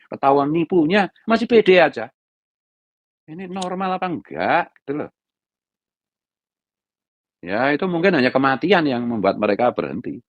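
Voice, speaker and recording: A middle-aged man giving an impassioned religious monologue, speaking in a loud, emphatic, high-pitched tone. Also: no echo. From Indonesia. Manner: loud, emphatic raised intonation. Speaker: religious commentator.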